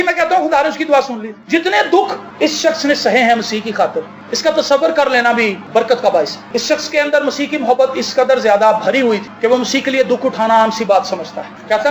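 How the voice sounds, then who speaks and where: A male pastor preaching a fiery sermon, firing off rhetorical questions and shouting at the high points. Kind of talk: impassioned sermon.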